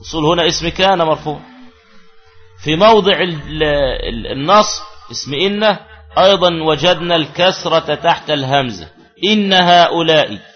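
A man's voice: a little high, lively intonation, normal speed, long pauses, dull audio, faint music behind. A man teaching an Arabic grammar lesson, repeating key words and asking the class questions.

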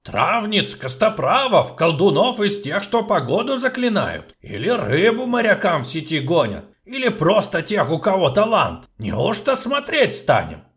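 A man voicing a blunt, hot-tempered dwarf who grumbles loudly and emphatically. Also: sits high, wildly swooping pitch, a little slow, hardly any pauses, pitched above the performer's own voice, heavily acted. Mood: urgent.

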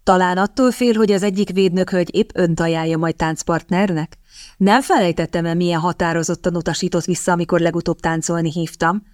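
Audiobook: a woman narrator playing a witty, teasing young lady, dry close sound, slightly low voice. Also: fairly even intonation, no room sound, natural voice. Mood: playful. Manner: teasing, sharp-tongued. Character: quick-witted young woman hunting a rich husband.

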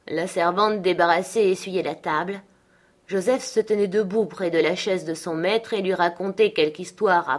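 A woman narrating a novel aloud in a steady, measured reading style. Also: fairly low pitch. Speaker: audiobook reader. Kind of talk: scripted narration.

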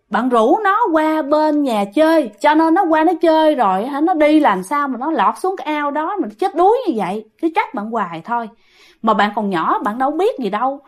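A woman with a Southern Vietnamese accent telling a ghost story in a chatty way, often addressing her listeners. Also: high voice. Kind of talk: casual storytelling.

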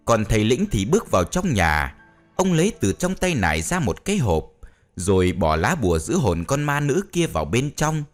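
A man's voice: big pitch swings, moderate pace. A man narrating a ghost story in a dramatic way, with faint music behind. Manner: dramatic, swinging pitch.

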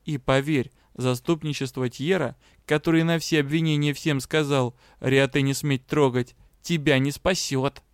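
A man's voice: medium pitch, fairly even intonation, moderate pace, few pauses, clear, resonant tone, no echo, clean studio sound, close to an everyday voice. A man voicing a strict, indignant female academy captain who speaks sharply and commands. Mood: stern.

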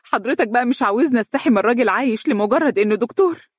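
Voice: very fast, darkish tone, husky, no room sound, studio quality, natural voice. A reader doing a tearful young Egyptian woman. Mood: distressed. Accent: Egyptian Arabic. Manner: high, strained and pleading.

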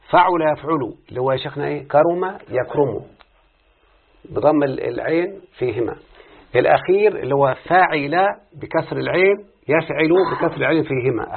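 Male Egyptian teacher, gravelly husky voice, quizzes students as he explains, phone-like sound. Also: on the high side, brisk. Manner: questioning, drawing students in with repeated "what?" prompts. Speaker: teacher of Arabic morphology. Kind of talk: classical Arabic grammar lesson with opening prayers.

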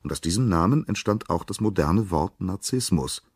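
Deep, husky male storyteller. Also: no room sound, studio quality. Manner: calm, measured storytelling. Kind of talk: scripted narration of a myth.

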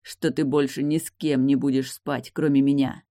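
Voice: mid-range voice, flat delivery, moderate pace, warm tone, no echo, studio quality, lightly acted. A narrator voicing a brash, stubborn man who talks bluntly and teasingly in an audiobook. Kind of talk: audiobook character voice.

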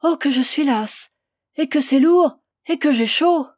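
A woman reader voicing a weary, naive sixteen-year-old peasant girl who talks in a high, loud, plaintive voice. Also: moderate pace, no echo, studio quality, close to an everyday voice. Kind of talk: audiobook character voice.

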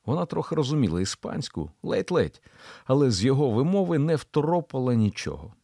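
A man narrating a thriller audiobook in an expressive storytelling delivery. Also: mid-range voice, fairly quick, slightly rough, dry recording, clean studio sound.

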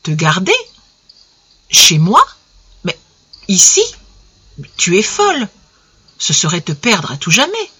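A woman's voice: fairly low pitch, wildly swooping pitch, slow, long pauses, bright, forceful tone, husky, no echo, full character voice. A woman reading aloud, voicing a cautious male lover who reasons earnestly with his mistress. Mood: pleading.

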